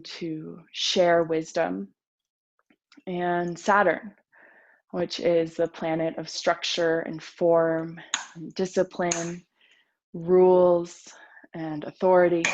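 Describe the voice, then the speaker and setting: A woman yoga teacher guiding a meditation in a gentle, soothing voice with pauses. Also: on the low side, dull audio. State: a little nervous. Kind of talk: guided meditation talk.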